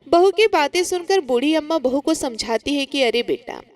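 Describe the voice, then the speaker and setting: A woman narrating a devotional folk tale in an expressive, dramatic storytelling manner. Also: high-pitched, moderate pace.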